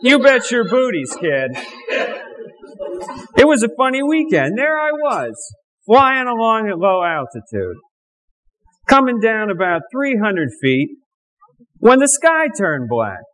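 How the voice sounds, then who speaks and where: A man doing a cheeky high-voiced duck. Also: wildly swooping pitch, slow pace, pauses often, a bit bright, full character voice, poor audio. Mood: storytelling. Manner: playful, wisecracking, folksy. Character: cheeky talking duck puppet, male, jokey. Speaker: puppet in children's message.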